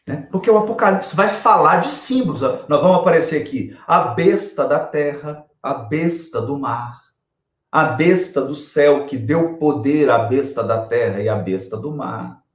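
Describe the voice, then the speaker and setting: A man's voice: a little high, measured pace, roomy sound. A Brazilian man giving a spiritual lecture on scripture, emphatic, repeating key phrases and asking rhetorical questions.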